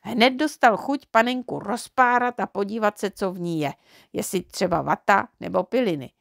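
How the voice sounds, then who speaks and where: Woman storybook reader, calm, gravelly, dry close sound. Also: medium pitch, no room sound. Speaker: audiobook reader. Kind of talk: reading a children's book aloud.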